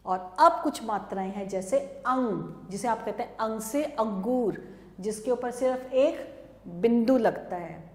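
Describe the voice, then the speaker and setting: A woman teaching Hindi letters and vowel signs to young children in a recorded lesson. She is slow and patient, stretches out each sound and calls the example words out louder than the rest. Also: fairly high pitch. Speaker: primary school Hindi teacher. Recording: echoey room with long reverb.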